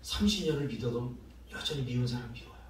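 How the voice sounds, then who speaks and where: A middle-aged man preaching a sermon as pastor, telling stories in an animated way, acting out the voices of people he quotes, and laughing often. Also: medium pitch, fast. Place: church sanctuary. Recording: very echoey church hall from far off, faint noise.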